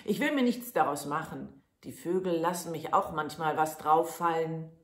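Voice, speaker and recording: A woman voicing grown-up male thieves in a storybook reading, in hushed, worried tones. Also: low-pitched, moderate pace, natural voice. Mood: gruff. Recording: echoey room.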